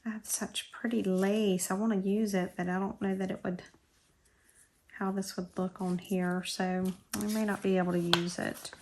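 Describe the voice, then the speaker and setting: Sitting at her craft table, a middle-aged woman with a South Georgia drawl, originally from Florida, keeps up a casual, rambling crafting chat full of self-deprecating asides as she works. She hosts a crafting channel and speaks at a moderate pace in a level, mid-range voice with a darkish tone.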